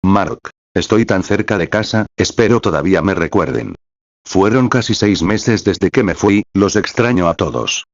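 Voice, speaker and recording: A man reading the lines of a weary, guarded young human hero in a slow, plain way. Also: low voice, dry recording, lo-fi sound.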